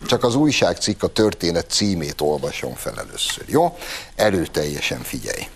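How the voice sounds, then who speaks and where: A man with a low voice hosts an opinion show. He delivers his commentary with heavy sarcasm and mockery. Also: big pitch swings, gravelly, slightly rough. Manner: sarcastic, mocking. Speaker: talk show host.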